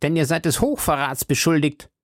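A man voicing a suspicious, sharp-eyed male police commissioner who asks probing, doubtful questions. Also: on the high side, lively intonation, normal speed, dry recording, clean studio sound, voice pushed up, natural voice. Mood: interrogating.

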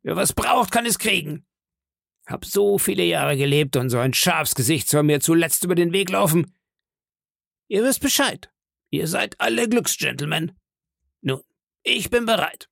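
A man's voice: on the high side, expressive, a little slow, vocal fry, pauses often, fairly bright tone, no room sound, clean studio sound, pitched above the performer's own voice, full character voice. A man reading an audiobook, voicing an old one-legged male pirate captain who bellows threats with swagger. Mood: threatening.

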